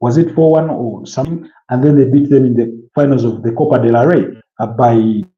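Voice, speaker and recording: A man in his early thirties talks football on a casual show, piling up player names between fillers and false starts. His voice sits at a middling pitch. The sound is muffled and lo-fi, with a noticeable room echo. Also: moderate pace. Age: early 30s. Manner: rambling, many fillers and restarts, lists player names. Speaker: football pundit. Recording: roomy, dull lo-fi sound.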